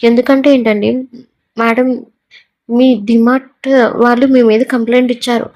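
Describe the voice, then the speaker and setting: A woman's voice: fairly high pitch, flat delivery, a little slow, a little mellow, highs cut off, close to an everyday voice. A woman doing a polite, insistent constable.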